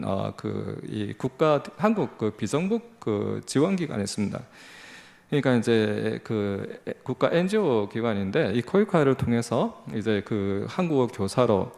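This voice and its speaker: Gravelly Busan-accented missionary preacher. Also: male voice, mid-range voice, darkish tone. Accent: Gyeongsang (Busan). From Busan, South Korea. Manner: folksy, self-deprecating, many fillers and restarts. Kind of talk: sermon, conversational testimony. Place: church sanctuary.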